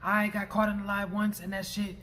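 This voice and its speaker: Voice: medium pitch, flat delivery, fairly quick, fairly bright tone, slight background noise. A vlogger talking in a personal monologue, blunt, emphatic and assertive, with casual wording and some swearing. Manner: casual speech with profanity. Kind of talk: personal vlog monologue addressed to a former friend.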